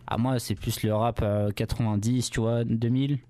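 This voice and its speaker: A young man co-hosting a campus radio show, tossing in quick jokes in casual studio chat. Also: mid-range voice, fairly even intonation, mellow, no room sound. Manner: quick joking interjections. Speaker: sports co-host.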